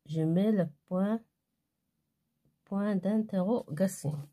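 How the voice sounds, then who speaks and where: A woman giving a primary school grammar lesson, reading exercises aloud and answering them one by one in a deliberate way. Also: medium pitch, mellow.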